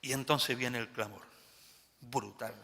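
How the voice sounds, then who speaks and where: A pastor from Spain preaching a sermon in an animated, emphatic way, full of rhetorical questions. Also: male voice, medium pitch, measured pace, vocal fry. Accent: Spain Spanish. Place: church. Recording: long church reverb.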